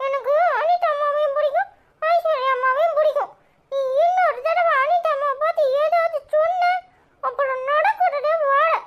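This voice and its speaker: A shrill, piping cartoon boy with a Tirunelveli accent. He is fiercely loyal and defiant, and he pleads through tears when cornered. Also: normal speed, dull audio. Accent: Tirunelveli Tamil. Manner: defiant, cries and pleads by turns. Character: spirited young boy, fiercely loyal to his mother. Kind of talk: cartoon voice acting.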